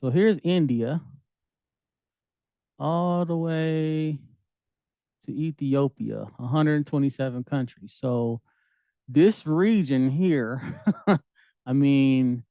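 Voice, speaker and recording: A man's voice: mid-range voice, extremely slow, pauses often, clear, resonant tone, no room sound, narrow, tinny audio. A man, teaching a Bible lesson in a casual, conversational way with slang, reading verses aloud. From United States. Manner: conversational, street slang, reads scripture aloud.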